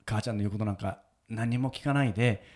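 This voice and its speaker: Speaking fast in a low-ish, slightly mellow voice, this radio host, who also works as a wedding photographer, shares a moving story on his casual chat show. Laughter frequently interrupts him.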